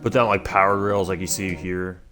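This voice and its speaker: A man with a deep, slightly nasal and stuffy voice talks his way through a casual gaming livestream. He rambles loosely, stringing thoughts together with fillers and restarts. Music plays clearly behind him. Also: steady tone, moderate pace, fairly bright tone. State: stuffy from allergies. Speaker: streamer.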